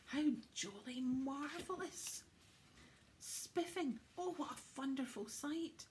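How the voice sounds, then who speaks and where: A woman voicing a huge, jolly, bumbling old Santa who talks in excitable old-fashioned exclamations, for a children's storybook. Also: high-pitched, takes it slowly, a little hiss or hum, voice pushed up. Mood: giddy, excited.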